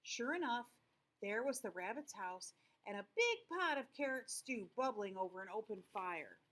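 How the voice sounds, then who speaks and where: An older woman reading a children's storybook aloud in the expressive manner of a sweet old lady. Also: medium pitch, normal speed.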